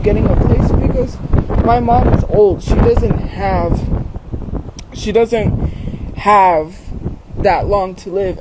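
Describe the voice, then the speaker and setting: Mellow-voiced woman livestreaming over outdoor noise. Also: medium pitch. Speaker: livestream host. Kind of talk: casual livestream chat. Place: outdoors in wind. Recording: windy, noisy outdoor phone recording.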